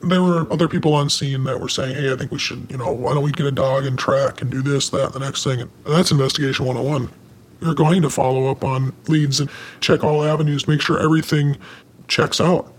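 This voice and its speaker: A man's voice: medium pitch, fairly even intonation, brisk, a little hiss or hum. Man with a disguised, distorted voice. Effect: voice distorted to disguise identity. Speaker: anonymous former sheriff's office insider. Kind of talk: interview.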